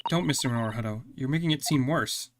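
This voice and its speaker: A man voicing a courteous young female legal assistant, speaking gently. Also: medium pitch, quick pace, close to an everyday voice. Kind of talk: reading game dialogue aloud. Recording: game music playing behind.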